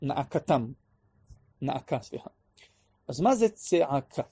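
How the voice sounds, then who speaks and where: A man teaching a class on prayer in an animated way, acting out pleas and sometimes raising his voice to a shout. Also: mid-range voice, slightly rough, no echo. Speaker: religious teacher.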